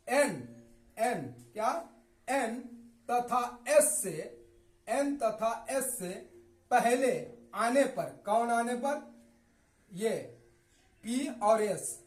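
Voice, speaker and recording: A woman's voice: fairly high pitch, reverberant, poor audio. A woman teaching English pronunciation rules, repeatedly asking a question and answering it herself. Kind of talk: classroom-style lesson.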